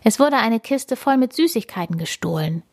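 A friendly policewoman from a children's storybook, voiced by a woman reading aloud, speaks kindly and helpfully. The voice is soft and breathy with a lively lilt, recorded close and dry. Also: fairly high pitch, moderate pace, dry recording, voice pushed up.

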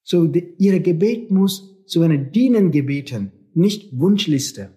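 A man's voice: a little high, sing-song, unhurried, warm tone. Earnest non-native male spiritual teacher. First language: not German. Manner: earnest, repetitive, non-native grammar, rhetorical questions. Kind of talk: spiritual talk.

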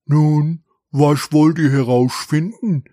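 A man's voice: fairly high pitch, fairly even intonation, slow, warm tone, no room sound. A man voicing a big male house mouse who works as a security guard, speaking in a thick regional dialect with dry amusement. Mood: amused.

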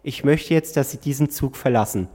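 A man's voice: mid-range voice, fairly quick, warm tone, husky, big-room sound, close to an everyday voice. A man doing a stiff, stern train conductor. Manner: stiff, mock-formal.

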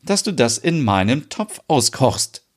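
A man reading a story aloud, voicing a fussy, excitable woman who owns the kitchen and is the boss, in a shrill, flustered, dramatic manner. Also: unhurried.

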